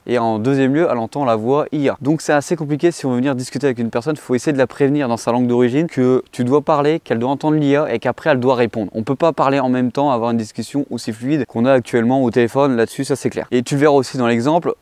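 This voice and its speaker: A man's voice: medium pitch, quick pace, hardly any pauses, a little mellow, dry recording. A man giving a casual, chatty tech product review and speaking straight to the viewer. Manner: chatty, addresses the viewer directly.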